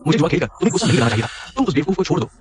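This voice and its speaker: A man's voice: on the high side, very animated, rapid-fire, a crowd in the background. An actor playing a threatening male thug in a dubbed short drama, taunting and cruel. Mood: pleading. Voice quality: menacing, taunting. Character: threatening male thug, ex-lover turned hired killer.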